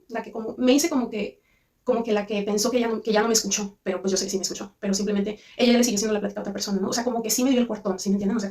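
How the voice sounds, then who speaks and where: A young woman with a Mexican accent rattles through a personal story at a very fast clip, restarting her sentences and circling back in a chatty, rambling way. Her voice sits a little high and sounds dark and mellow. She is set back somewhat from the microphone. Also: far from the mic. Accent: Mexican Spanish. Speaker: vlogger. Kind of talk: casual storytime monologue.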